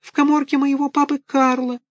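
Buratino, a shrill whiny wooden puppet boy. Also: level tone, a little fast, no room sound. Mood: earnest explaining. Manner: shrill, thin, tearful whimpering voice.

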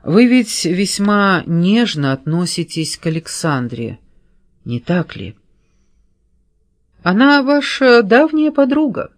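Detective role done by the reader: a pushy, sharp-witted man who grills a suspect with sarcasm, in a dry, slightly high voice. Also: very animated, takes it slowly, no echo, full character voice. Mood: pressing. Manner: pressing, sarcastic interrogating.

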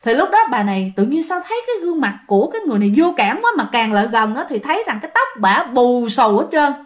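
A woman tells a ghost story in a casual, chatty way. She speaks straight to her listeners, and her voice sits slightly high. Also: big pitch swings, quick pace. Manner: chatty, addresses listeners directly.

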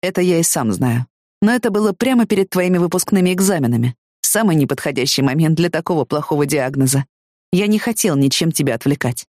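A woman voicing a calm, seriously ill young man who speaks quietly and matter-of-factly, staying close to her own low reading voice. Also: dry recording. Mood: calm grave. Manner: quiet, matter-of-fact, unhurried.

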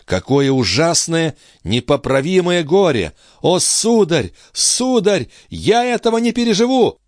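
A man's voice: fairly high pitch, sing-song, measured pace, darkish tone, no room sound, studio quality, voice pushed up. A man voicing an anguished, hot-tempered young nobleman who grows emotional and raises his voice, in an audiobook reading.

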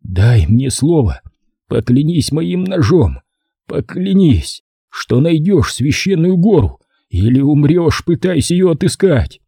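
A man doing a dying hunter father, slow and breathless. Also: on the high side, big pitch swings, vocal fry, warm tone, slightly rough, no room sound, studio quality, pitched above the performer's own voice, exaggerated voice. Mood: urgent weak. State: short of breath.

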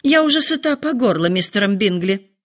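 A woman voicing a nervous, excitable middle-aged mother who complains in shrill, dramatic outbursts. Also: brisk, lightly acted. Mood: fretful.

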